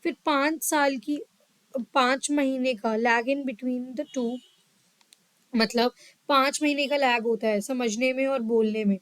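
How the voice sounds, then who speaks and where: A woman teaching a psychology lesson, reading English lines slowly and explaining them in quicker Hindi, often checking in with her listeners. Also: high-pitched, fairly even intonation, no echo, rough recording. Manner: checks in with "ठीक है". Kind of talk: lecture mixing Hindi and English.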